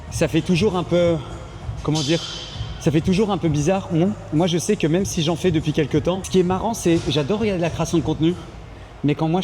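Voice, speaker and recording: Upbeat French man, fairly high voice. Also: darkish tone. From France. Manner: emphatic, many restarts and fillers. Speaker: expat coach and vlogger. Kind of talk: casual chat and home tour.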